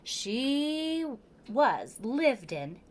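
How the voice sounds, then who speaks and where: Here a high-pitched woman acts as a preschool storyteller, reading a picture book with expressive, measured pacing and pointed pauses. A little hiss or hum can be heard.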